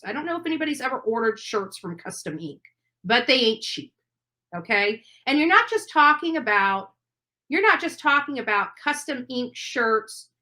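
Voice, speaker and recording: Her pitch sits fairly high and her tone is pushed and bright. Commenting informally on a true crime case during a live stream, this woman presses her argument emphatically, sounding aggrieved and circling back to the same phrases.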